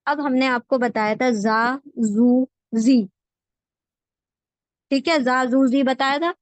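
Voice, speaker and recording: In a high-pitched voice with no room sound, a woman patiently teaches scripture word by word, slowly repeating every word and its meaning so her class can drill them.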